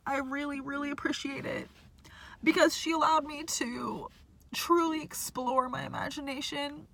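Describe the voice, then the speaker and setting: A young woman vlogs from a parking lot in a casual, personal style, speaking with passion and saying "like" constantly. Her high voice is gravelly and a bit bright, with a steady tone and normal speed. There's a little hiss or hum in the recording.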